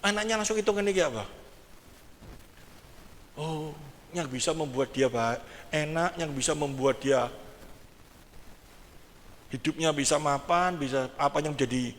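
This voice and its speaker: A man with a Surabaya Javanese accent preaching a lively sermon as pastor, acting out family talk in other voices. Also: fairly high pitch, a little slow, long pauses, a little hiss or hum. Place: large church hall. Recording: long church hall reverb.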